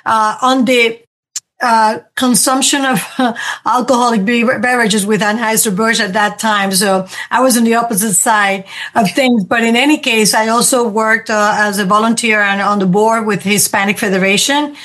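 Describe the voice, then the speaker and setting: A woman's voice: fairly high pitch, fairly even intonation, moderate pace, fairly bright tone. A woman hosting a podcast interview, talking with enthusiasm and restarting her sentences as she goes. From spent twenty years in New York. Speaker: podcast host. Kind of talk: conversational interview.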